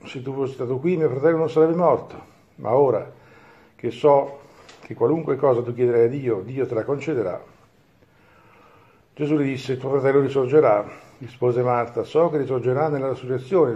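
Italian priest, man, mellow tone, calm measured homily. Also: mid-range voice, dull audio. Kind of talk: reading the Gospel, then a homily.

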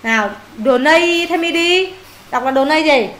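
A woman's voice: sits high, unhurried, a bit bright, a little hiss or hum. A woman tutoring a pupil in English, firing questions at him and scolding and teasing him when he gets answers wrong. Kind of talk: casual one-on-one homework tutoring. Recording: echoey room with faint ambience.

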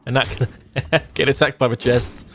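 This streamer, a man in his thirties, offers casual commentary on his game, thinking aloud in brief, musing comments with background music playing. He's indoors in a small home room. His medium-pitched voice is a bit bright and fairly flat at normal speed, and there's a little hiss or hum.

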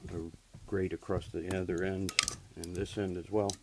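A man's voice: low voice, flat delivery, moderate pace, creaky, noisy background. A man working as an HVAC technician, plainly explaining a hands-on repair step by step with frequent fillers, recorded on a handheld camera in a basement and workshop. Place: basement furnace area and workshop floor. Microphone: camera held by the speaker while working.

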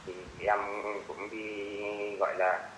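A man's voice: fairly low pitch, flat delivery, slow pace, a bit bright. Man, caller, hesitant, stop-start, roomy sound, faint hiss. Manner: hesitant, many fillers. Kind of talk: casual phone call. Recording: roomy echo, faint noise.

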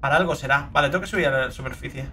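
A young man with a Spain Spanish accent doing let's play commentary, excitable and swearing a lot, with sudden shrieking outbursts. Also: mid-range voice, rapid-fire, a little hiss or hum. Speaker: gaming video creator.

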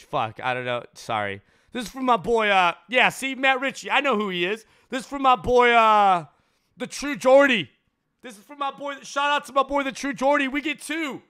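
A young man giving loud, excitable commentary while opening game packs, jumping between shouted hype and muttered swearing. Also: very high-pitched, clear, resonant tone. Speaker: gaming YouTuber opening packs.

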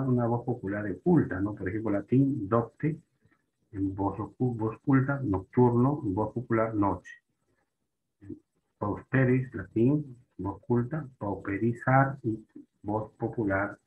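A man teaches a lecture class in a lowish voice. He talks haltingly, with frequent fillers, restarts and tag questions after each point. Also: low-quality recording. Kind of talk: spoken lecture on the history of Spanish.

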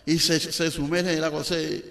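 A man with a Dominican accent telling jokes in a lively comic storytelling manner, adding sound effects. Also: fairly high pitch, normal speed, creaky. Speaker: joke teller.

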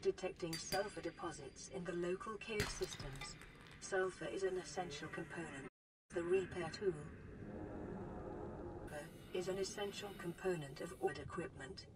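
A gentle care robot, a calm female onboard computer, reads out clipped status reports in a low, synthetic tone. She sounds set back from the mic. Loud game music plays behind her. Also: moderate pace. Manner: even, clipped status announcements. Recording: game audio heard from a distance, loud music underneath.

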